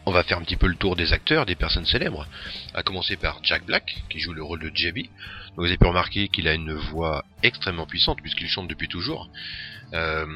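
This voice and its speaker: A man's voice: low-pitched, sharp tone. A man hosting a casual talk about a film, hesitant and full of fillers. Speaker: host presenting a film. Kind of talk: casual chat.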